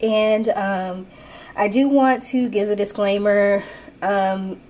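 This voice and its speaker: A woman's voice: mid-range voice, slow pace, darkish tone. A woman with a blocked, stuffed-up nose from a sinus infection, giving a casual tarot card reading. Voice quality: congested, blocked-nose sound. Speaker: tarot reader and channel host.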